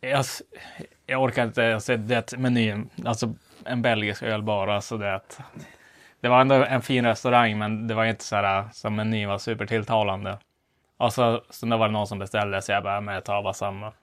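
A man in his thirties rambles through a story, swearing freely and acting out the voices of the people in it. His voice sits fairly low and sounds dry and close on a studio mic. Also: no echo. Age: 30s. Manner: rambling, profane, animated anecdotes. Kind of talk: casual storytelling. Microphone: wireless studio mic.

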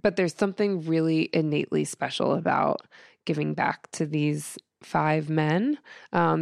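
A woman's voice: sits low, gravelly, darkish tone, no echo, studio quality. A woman guest on a podcast, reading from her journal and talking in an earnest, emotional way with many fillers.

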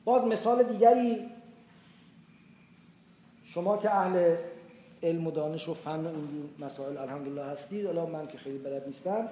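A man's voice: fairly high pitch, mellow. Older male Quran teacher from Iran, explaining patiently with examples, in a reverberant hall. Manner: explanatory, uses everyday examples. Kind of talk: tafsir lecture. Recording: echoey room with faint background noise.

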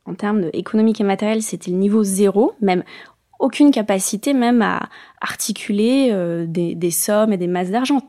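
A middle-aged Frenchwoman, born in Bayonne, speaks reflectively as a guest in a casual interview, hesitating often. Her voice is mid-range and dark-toned at a moderate pace, recorded cleanly in a studio with no room sound.

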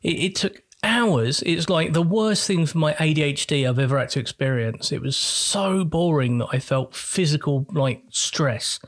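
A man's voice: fairly high pitch, animated, moderate pace, hardly any pauses. A man with an English accent chatting casually as a podcast co-host, blunt and joking, with plenty of swearing. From England. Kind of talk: casual chat.

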